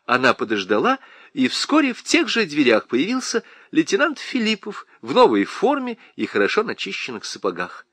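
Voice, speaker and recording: Male audiobook narrator: ironic, expressive storytelling with animated pitch, dry studio read. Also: no room sound. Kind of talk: scripted narration.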